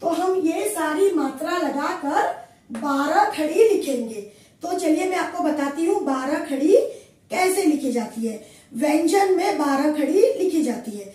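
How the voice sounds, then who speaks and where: A woman teaching at a very slow, patient pace, repeating each syllable. Her voice sits very high. It rings in a strongly echoing room, heard from some distance. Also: animated, darkish tone. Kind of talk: slow classroom explanation.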